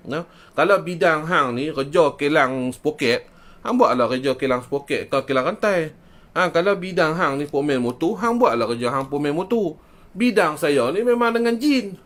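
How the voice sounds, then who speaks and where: Northern malaysian guy on a live stream, bit high voice, keeps going kan? ha? at his viewers. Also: a bit bright. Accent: northern Malaysian Malay (Kedah). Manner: rhetorical, keeps asking "kan?" and "ha?" and addressing listeners. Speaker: traditional Islamic healer.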